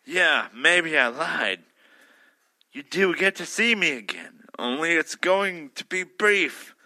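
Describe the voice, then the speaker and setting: High, menacing Red Shredder surf villain. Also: male voice, sing-song, sharp tone, heavily acted. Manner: slow, theatrical villain menace. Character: cocky murderous surfing villain, the Red Shredder. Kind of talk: cartoonish villain voice acting.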